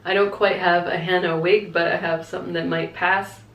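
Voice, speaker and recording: A woman's voice: lowish voice, level tone, normal speed, fairly bright tone. A woman vlogger chatting casually to camera and answering viewer questions in a candid, reflective, conversational way. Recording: echoey, roomy sound.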